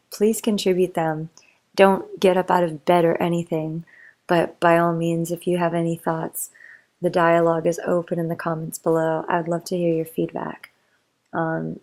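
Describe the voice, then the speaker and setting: Young woman, bedtime rambling monologue, gravelly fry, flat even tone, chatty and meandering. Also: fairly low pitch. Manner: meandering, motivational, chatty with fillers. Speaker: bedtime talk creator. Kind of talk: rambling sleep-aid monologue.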